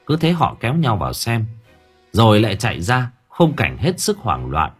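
A male narrator tells a horror story with vivid drama and lively rises and falls in pitch. His voice is husky and faint music plays under the reading. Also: moderate pace. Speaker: audiobook narrator.

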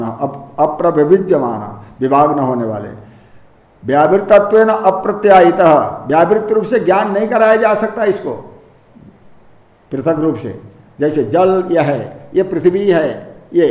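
A man's voice: on the high side, darkish tone, roomy sound. A man teaching a scriptural commentary, explaining Sanskrit terms word by word in Hindi and rephrasing each point patiently. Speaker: Vedanta teacher.

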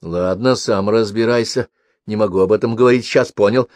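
A male audiobook reader voicing a lively, ironic young woman who is the story's heroine. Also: on the low side, fairly quick, dry recording, clean studio sound, lightly acted. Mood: teasing.

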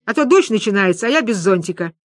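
A woman's voice: medium pitch, lively intonation, fast talker, no echo, studio quality, lightly acted. A woman voicing a brusque, impatient old woman, reading a story aloud.

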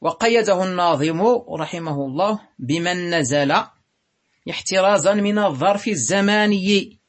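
A man teaching Arabic grammar, reading a text and explaining it slowly and deliberately, drawing out words and pausing with hesitations. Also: high voice. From Morocco.

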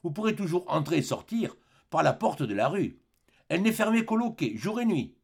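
An elderly bishop speaks in a lifted, gravelly voice, as a male reader puts him on. He is kindly, serene and forgiving, and his tone rises and falls a lot as he offers gentle words in a storybook reading. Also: high-pitched, sing-song, normal speed, voice pushed up, full character voice. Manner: warm, solemn, forgiving.

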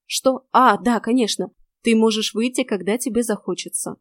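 A woman's voice: fairly high pitch, normal speed, dry recording, close to an everyday voice. A woman voicing a loyal, earnest young male werecat in an audiobook, speaking in a pleading way.

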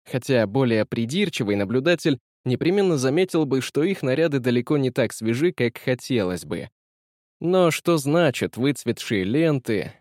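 A man reading a classic novel aloud in a measured, expressive audiobook style. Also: mid-range voice, dry recording, studio quality. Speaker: audiobook narrator.

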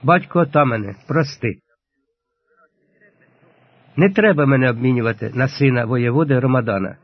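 A man's voice: medium pitch, normal speed, no echo, natural voice. A man reading as a remorseful young captive warrior. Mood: pleading. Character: penitent young male janissary captive. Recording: lo-fi dull audio.

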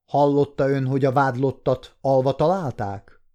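A man's voice: medium pitch, steady tone, dark tone, clear, resonant tone, dull audio, close to an everyday voice. A man voicing a male prosecutor questioning a witness formally in an audiobook story.

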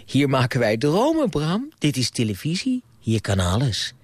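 A man's voice: medium pitch, wildly swooping pitch, normal speed, husky, no echo. Man voicing a persuasive, domineering TV boss, dry close sound. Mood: commanding. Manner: self-important and persuasive. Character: smooth-talking male TV boss, domineering.

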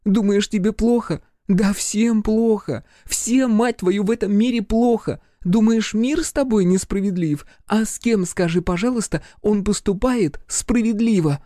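A man voicing a fierce, scornful young girl in an audiobook, mocking and shouting at a boy. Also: sits high, normal speed, no echo, studio quality, pitched above the performer's own voice, close to an everyday voice. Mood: furious. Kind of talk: audiobook character voice.

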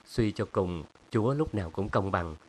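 A man's voice: sits low, animated, moderate pace, husky. Moody young painter, read by a male narrator.

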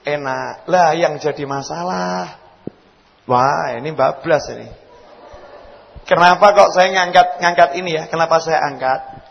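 A man preaching a sermon in with a tinge, swinging between loud calls and quiet asides and questioning his audience. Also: on the high side, creaky, muffled recording. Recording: long hall reverb.

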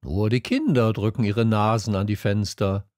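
A man's voice: fairly low pitch, normal speed, darkish tone, no echo, clean studio sound, natural voice. A man doing a weary, resigned railway switchman.

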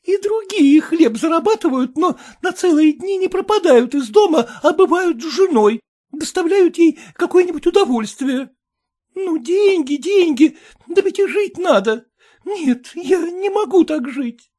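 A woman's voice: lively intonation, unhurried, warm tone. A woman voicing a young tearful wife in a storybook reading, sobbing and accusing. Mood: tearful reproach. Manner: sobbing, accusing, high-strung. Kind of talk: audiobook reading.

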